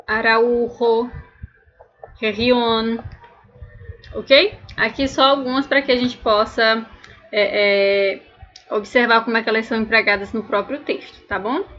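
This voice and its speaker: A woman's voice: fairly high pitch, steady tone, unhurried, pauses often, fairly bright tone, dull audio. A woman teaching a recorded language lesson, patiently explaining and drilling words one at a time. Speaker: Spanish teacher.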